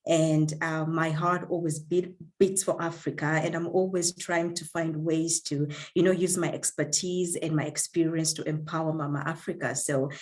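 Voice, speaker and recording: A woman from Kenya with a low voice speaks to young leaders over a video call. She is earnest and warm, and she often restarts her sentences and fills gaps with "um". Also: level tone, moderate pace, hardly any pauses. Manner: warm and earnest, with frequent fillers and repeated words. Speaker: guest speaker. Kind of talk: online leadership talk.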